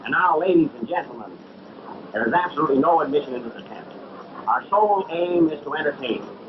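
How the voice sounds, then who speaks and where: An actor playing a glib, flirtatious traveling medicine-show pitchman with grandiose patter in a 1930 talkie. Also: animated, quick pace, close to an everyday voice. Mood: grandiose, hawking. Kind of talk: 1930 early talkie film acting. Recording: noisy, dull 1930 film soundtrack.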